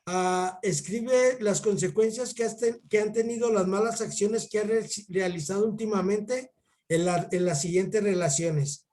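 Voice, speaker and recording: High-voiced Mexican man teaching haltingly. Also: a little mellow. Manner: halting, repeats words, keeps calling the pupil by name. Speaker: catechist teaching a child.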